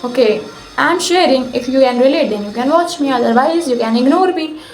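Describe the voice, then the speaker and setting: A woman with an Indian English accent talks casually to her camera as the host of her own channel, alone indoors. Her voice sits fairly high and she pauses often, restarting and correcting herself as she goes. The sound carries a roomy echo. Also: a little hiss or hum. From Uttar Pradesh, India. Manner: hesitant, self-correcting with many fillers.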